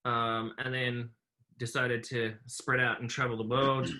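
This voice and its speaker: A young man from New Zealand, a podcast guest telling his life story in a relaxed, rambling way with many fillers. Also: mid-range voice, unhurried. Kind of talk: casual conversational interview.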